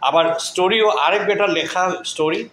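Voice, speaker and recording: A male teacher leads a classroom drill, encouraging the children and prompting their answers. His voice sits a little high for a man. The room is echoey, with a faint ambient hum behind him. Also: fast talker, a bit bright. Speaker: English teacher. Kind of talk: classroom lesson drilling students.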